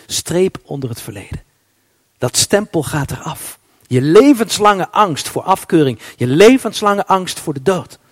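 A man preaching a sermon, with a husky voice, swinging between loud emphatic lines and hushed, almost whispered ones. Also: fairly high pitch, dry recording.

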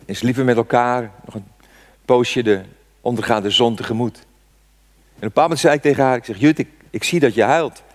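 A man's voice: mid-range voice, fairly quick. A man in his sixties preaching a sermon, telling a personal story with fervent rhetorical questions. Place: church. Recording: long church reverb.

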